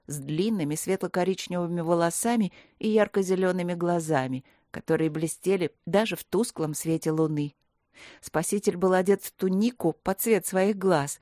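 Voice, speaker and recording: A woman narrating a fantasy audiobook in a measured, expressive way. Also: lowish voice, no room sound, studio quality. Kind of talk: scripted fantasy story narration.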